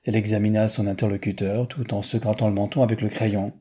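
A man narrating a novel aloud in a measured, literary reading. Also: lowish voice, flat delivery, mellow, slightly rough. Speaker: audiobook narrator.

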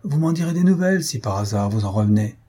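Sly teasing sergeant done by a man, raised pitch over a husky dark voice, storybook read. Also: expressive, fast. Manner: mocking, confidential.

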